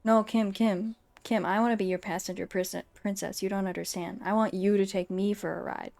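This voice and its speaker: A woman's voice: medium pitch, flat delivery, a little fast, gravelly, a little mellow. A woman streamer casually commenting as she plays a game, in a playful, chatty way.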